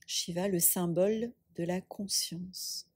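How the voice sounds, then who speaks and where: This is a yoga nidra teacher: a woman with a lowish, breathy, soft voice guiding a meditation in no hurry at all. Short, calm directions come with long silences in between. The sound is dry, with no room around it.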